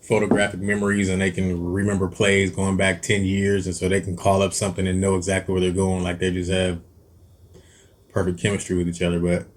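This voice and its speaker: A man's voice: sits low, monotone, a little fast. A man hosting a cooking channel, chatting casually through football picks with lots of ums, restarts and self-corrections. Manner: rambling, hesitant, many ums and self-corrections. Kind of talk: casual football picks chat while eating.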